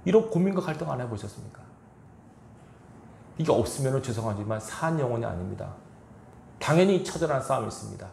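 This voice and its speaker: A man's voice: medium pitch, animated, fast talker, gravelly, long pauses, darkish tone, slight background noise. A male pastor giving a sermon, reading scripture and then pressing the congregation with rhetorical questions. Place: church sanctuary. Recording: echoey church room.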